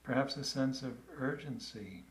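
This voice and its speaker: A man leading a guided meditation in a calm, gentle, unhurried way, with long pauses between phrases. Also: mid-range voice.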